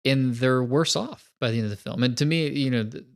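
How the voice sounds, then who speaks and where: A man's voice: medium pitch, fairly quick, creaky. A man co-hosting a podcast, talking through a film in a thoughtful, hedging way. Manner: thoughtful, hedging, builds arguments. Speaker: podcast co-host. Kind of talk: casual film discussion.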